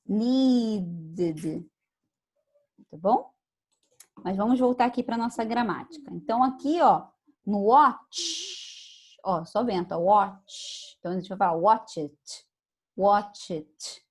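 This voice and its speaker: Slow, patient woman teaching a class. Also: medium pitch, warm tone, breathy edge. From Brazil. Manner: patient, repeats words slowly, checks in with "tá?". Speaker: English teacher. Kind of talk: online lesson explaining pronunciation.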